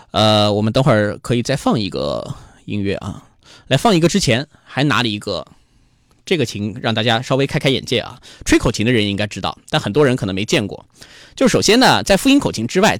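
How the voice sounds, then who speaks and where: A man's voice: medium pitch, dry recording, clean studio sound. A man hosting a live-streamed music talk show, explaining in a chatty way with fillers and restarts. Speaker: host.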